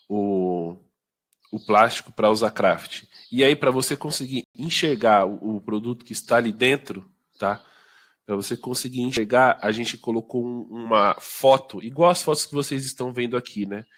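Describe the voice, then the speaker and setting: Brazilian man, lowish voice, casual product presenter who keeps checking in with the audience. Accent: Brazilian Portuguese. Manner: conversational, many fillers and tag questions. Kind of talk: informal sales training talk.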